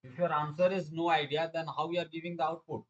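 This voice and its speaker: A middle-aged man speaks with an Indian accent in a fairly high register. He teaches like an online programming instructor, repeating key phrases and putting questions to his students. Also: fairly even intonation, fast talker, fairly bright tone, dull audio. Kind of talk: live online lesson, explaining quiz questions.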